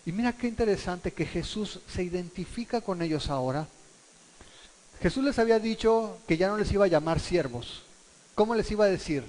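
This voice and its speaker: A man's voice: expressive, moderate pace, a little mellow, long reverb tail, low-quality recording. A male pastor with a Mexican Spanish accent preaching a conversational verse-by-verse sermon and acting out the quotes. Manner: conversational, acts out quotes with shifting pitch.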